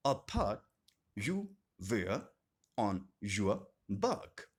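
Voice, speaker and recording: A man teaching an English grammar lesson, speaking slowly and deliberately and repeating each term with strong stress. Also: fairly low pitch, very animated, husky. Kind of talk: scripted grammar lesson narration.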